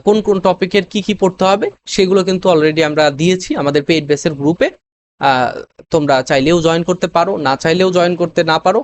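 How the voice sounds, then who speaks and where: A tutor giving a recorded lesson, explaining step by step with many pauses, fillers and quick self-corrections, often checking that the students follow. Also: mid-range voice, a little hiss or hum. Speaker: admission test tutor.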